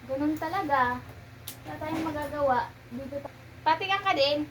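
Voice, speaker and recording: A woman's voice: high voice, moderate pace. A young woman vlogging about her day at home as a mom, chatting to viewers and cooing to her child in sing-song baby talk. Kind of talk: casual home vlog. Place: indoors at home. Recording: noisy home recording.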